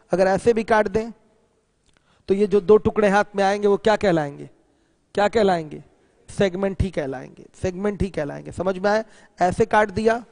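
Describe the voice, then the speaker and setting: In a bright, high voice, a male math teacher delivers an online geometry lesson, repeatedly asking students questions and answering them himself. He reads viewers' questions aloud and switches to English for technical terms. The sound is close and dry, but a long hall reverb follows his words.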